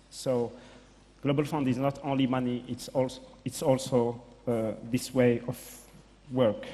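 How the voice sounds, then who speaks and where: A man introduces a guest at a conference podium. He speaks in a halting way, with fillers and self-corrections. His voice rings out with a long reverb from a large hall. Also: mid-range voice, a little mellow, slight background noise. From Morocco. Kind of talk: formal introduction speech.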